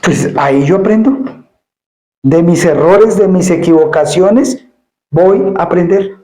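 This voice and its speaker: A male pastor delivers an emphatic sermon in a fairly high but dark, mellow voice. He repeats words as he builds his points. The sound carries the echo of a church room. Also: takes it slowly. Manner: emphatic preaching with repetitions and acted asides.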